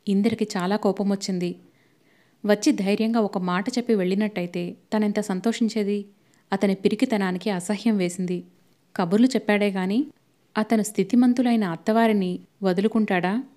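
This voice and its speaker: A woman reads a novel aloud as an audiobook with steady, expressive storytelling. Her voice is mellow and warm, sitting at a middle pitch. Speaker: audiobook narrator.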